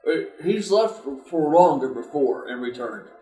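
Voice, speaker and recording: A man's voice: on the high side, expressive, normal speed, dark tone. A man role-playing casually as a player in a tabletop game. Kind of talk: casual in-character role-play. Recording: roomy echo, faint music behind.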